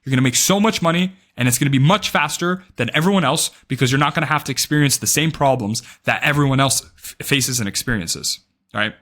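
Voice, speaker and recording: A man's voice: medium pitch, a little fast, fairly bright tone. A man of about twenty giving blunt, emphatic advice straight to camera, swearing freely and often ending points with "right?". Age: young adult. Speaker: day trading vlogger. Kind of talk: direct-to-camera advice talk.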